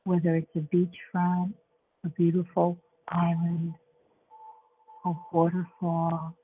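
A woman leading a guided relaxation meditation in a soothing, measured way, with long pauses between short phrases. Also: fairly low pitch. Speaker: show host and guided imagery facilitator. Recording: dull lo-fi sound with faint background noise.

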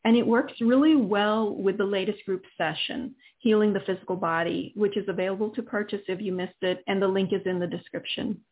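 A woman's voice: mid-range voice, a little fast, hardly any pauses, breathy edge. Muffled, phone-like woman guiding meditation. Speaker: guided healing meditation host. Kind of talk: guided meditation narration. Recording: narrow phone-like band, muffled.

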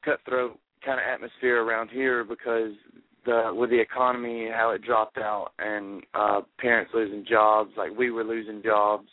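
Southern guy w/ alabama hillbilly twang, lowish voice, tinny phone audio, halting interview chat. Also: little pitch movement, no echo. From Alabama, United States. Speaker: interview guest, rock band lead singer. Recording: tinny phone line, radio show.

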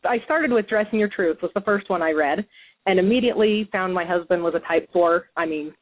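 A woman's voice: fairly low pitch, a little fast. A woman calling in to a radio show over the phone, nervous and emotional, laughing between her thoughts. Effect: caller's voice heard over a phone line. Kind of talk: casual call-in chat. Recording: dry tinny phone line.

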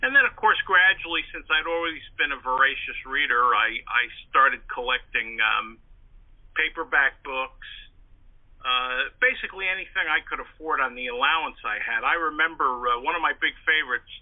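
This older man from the Northeastern United States, a writer and historian, tells anecdotes casually as an interview guest, often repeating words. His medium-pitched voice is expressive and moderately paced, carried on a tinny, band-limited phone line.

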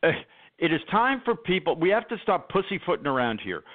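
A man's voice: high-pitched, sing-song, brisk. A man with an emphatic, sarcastic manner and many fillers, talking politics as a guest on a call-in radio show over a phone line.

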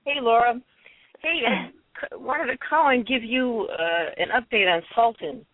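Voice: medium pitch, a little slow, dry recording. Hesitant radio caller on a tinny phone line. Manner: hesitant, many ums and restarts. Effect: heard over a phone line. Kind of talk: casual phone-in chat.

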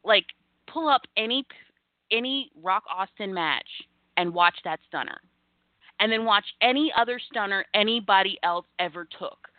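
A woman co-hosting a casual wrestling podcast, animated and sassy, acting out fan reactions. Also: mid-range voice, moderate pace, dry recording. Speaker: podcast co-host. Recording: thin phone-like line.

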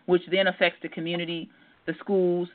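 A woman's voice: lowish voice, flat delivery, moderate pace. A middle-aged woman, a family therapist, calling in to a radio show over the phone. She talks earnestly, with many ums and repeated words. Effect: heard over a phone line. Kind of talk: casual radio call-in interview. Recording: narrow tinny phone line.

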